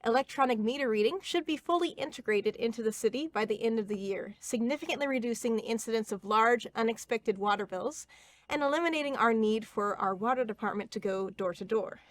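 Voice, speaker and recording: A woman in her thirties from Ohio, running for city council, delivers a prepared campaign statement in a fairly high, brisk voice. She sounds earnest and steady, with a few small slips.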